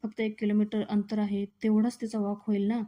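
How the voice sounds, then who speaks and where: Woman voicing a strict young husband, lecturing, flat delivery, dark mellow tone. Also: medium pitch, a little fast, muffled recording, natural voice. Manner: stubborn, lecturing. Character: strict young husband acting as fitness trainer.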